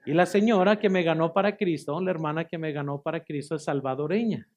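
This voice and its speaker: A man's voice: fairly high pitch, a little fast, a little mellow. A man, a pastor giving his testimony in a sermon, telling it emphatically and repeating phrases for stress. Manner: emphatic storytelling, addresses listeners as brothers.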